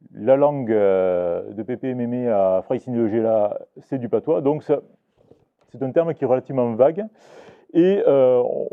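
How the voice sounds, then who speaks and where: At a book fair, an Occitan teacher gives a live talk on the regional language, hesitating and restarting often. His mid-range voice comes through with phone-like quality.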